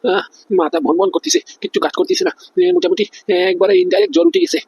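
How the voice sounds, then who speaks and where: A man's voice: sits high, sing-song, very fast, a little mellow, breathy edge, exaggerated voice. A man playing a whiny feverish cartoon cop. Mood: groaning. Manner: whiny, flustered, keeps asking "understand?". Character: feverish panicky male police officer, bribe-taker. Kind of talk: cartoon comedy voice acting.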